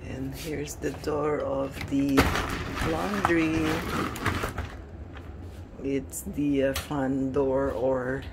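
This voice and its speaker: A home vlogger gives a casual tour of her finished basement, speaking slowly in a low, level voice. She's hesitant, restarting often and using many fillers, with heavy background noise throughout.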